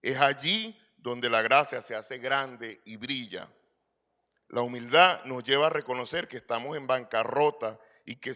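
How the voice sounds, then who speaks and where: A man's voice: mid-range voice, pushed and bright. A middle-aged man preaching a sermon in earnest, asking rhetorical questions and calling his listeners brother. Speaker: pastor.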